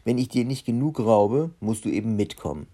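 A man voicing a big, bearded, gruff male robber giant from a storybook, growling and boastful. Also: mid-range voice, sing-song, a little fast, warm tone.

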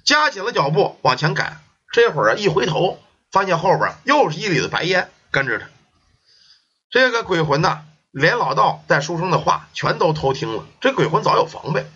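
A man telling a folk ghost story in a lively, colloquial storytelling manner. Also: a little high, brisk, breathy edge. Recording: dull lo-fi recording.

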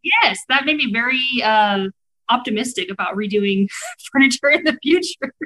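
A woman's voice: fairly high pitch, lively intonation, moderate pace, bright, forceful tone, low-quality recording. A woman in her thirties, a podcast guest telling a story in casual chat and laughing often.

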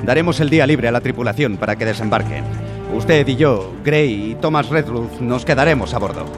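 A man's voice: mid-range voice, lively intonation, a little fast, close to an everyday voice. Male actor as ship's captain, authoritative, clipped orders, radio drama, music behind. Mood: grave, measured. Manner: curt, commanding. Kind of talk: Spanish radio drama acting.

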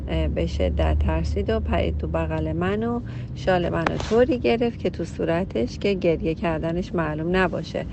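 A woman's voice: fairly low pitch, vocal fry, background noise. A woman counselor who reads out a listener's letter and answers it with direct, emphatic advice. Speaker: family counselor.

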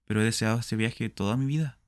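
Man doing a calm, placating gentleman. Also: lowish voice, fast talker, smooth, close to an everyday voice. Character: a calm middle-aged man longing for a holiday.

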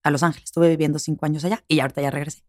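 A woman's voice: low-pitched, fairly even intonation, very fast, darkish tone. A woman in her thirties with a Mexican accent, a guest actress in a casual interview, talking emphatically and repeating words for stress.

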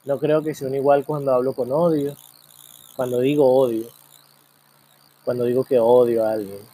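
Guy musing out loud on his show, asks lots of questions, slow pauses, warm dark voice. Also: medium pitch, little pitch movement, husky. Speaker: program host. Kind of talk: reflective spoken monologue.

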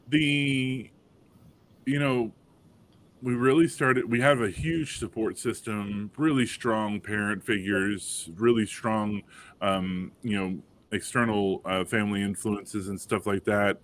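A man, telling a personal story on a panel, halting with fillers and restarts but animated when quoting others. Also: on the low side, slight background noise. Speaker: panel guest father.

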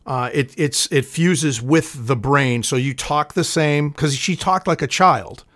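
A man's voice: fairly high pitch, unhurried, fairly bright tone, no echo. A man telling stories in a casual chat, rambling and swearing, acting out the scenes. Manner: rambling storyteller, swears often, acts out scenes.

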